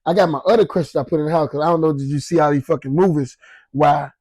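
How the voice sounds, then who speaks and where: A man's voice: a little high, rapid-fire, darkish tone, slightly rough, no echo. A man hosting a podcast in a casual, slangy way, with plenty of swearing and verbal tags. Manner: slangy, heavy swearing, frequent "you know". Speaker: podcast host. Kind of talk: casual chat.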